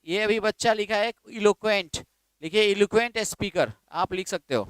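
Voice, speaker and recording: A man's voice: high voice, normal speed, a bit bright, clean tone, dry recording. Man teaching English vocabulary. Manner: repetitive, drilling, asks students to write words down. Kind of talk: classroom lecture in Hindi with English terms.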